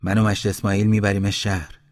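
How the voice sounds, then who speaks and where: A man voicing a steady, kindly village man. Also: lowish voice, natural voice. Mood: reassuring. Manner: steady, reassuring.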